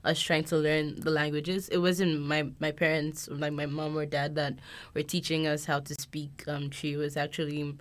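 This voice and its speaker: A young woman from Ghana talking casually on a podcast, chatty with quick asides. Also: sits low, level tone. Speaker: podcast guest.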